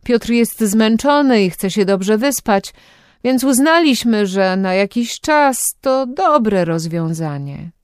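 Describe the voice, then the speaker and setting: A woman's voice: on the high side, animated, slow pace, clean tone, no room sound, voice pushed up. A tired, anxious young wife and mother who speaks hesitantly, as if unsure of herself, voiced by a woman narrator. The sound is dry and close to the mic. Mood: evasive.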